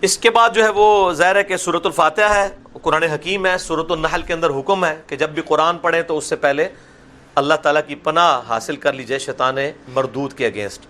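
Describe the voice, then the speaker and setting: A middle-aged man gives a lesson on recitation in a bright, forceful voice. He explains each sound carefully, then draws the words out slowly for his listeners to repeat, dropping into asides now and then. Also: fairly high pitch. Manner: slips into Punjabi asides. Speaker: religious lecturer teaching prayer recitation. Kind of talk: classroom lesson with slow drawn-out recitation.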